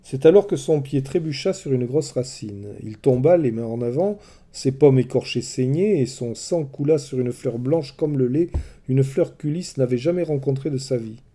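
A man telling a mythology story in scripted, expressive narration. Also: medium pitch, moderate pace.

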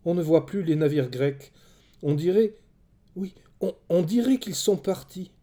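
A man voicing a gentle widowed woman who exclaims eagerly with hope. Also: medium pitch, steady tone, moderate pace, slightly rough, close to an everyday voice.

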